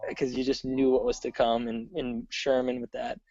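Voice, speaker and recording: Rambling excited fan on a dull call. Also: male voice, medium pitch, moderate pace, a crowd in the background. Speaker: guest. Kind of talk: casual sports chat.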